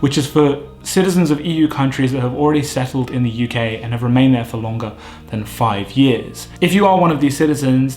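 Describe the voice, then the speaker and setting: A man hosting a vocabulary lesson, explaining terms clearly with light jokes. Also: mid-range voice, a little mellow. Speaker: vocabulary teacher, channel host. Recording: echoey room with faint music.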